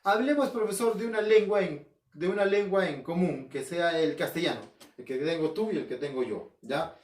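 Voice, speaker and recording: Speaking a little high and at normal speed, a male school language teacher from Peru, with an Arequipa accent, records a home-learning class. Between self-posed questions and answers he repeats key terms and checks on his listeners; the room echoes and he sits far from the mic.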